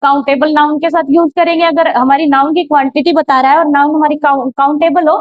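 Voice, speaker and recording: High-voiced woman teaching grammar. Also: steady tone, a little fast, no echo. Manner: explains step by step, with many rhetorical questions. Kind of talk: classroom lecture. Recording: dull, slightly lo-fi, dry sound.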